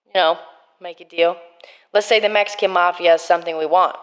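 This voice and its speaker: A woman's voice: lowish voice, fairly even intonation, a little fast, clear, resonant tone, natural voice. A woman voicing a hardened male prison gang captain in a murder mystery game, trying for a Boston accent that keeps slipping. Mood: tough.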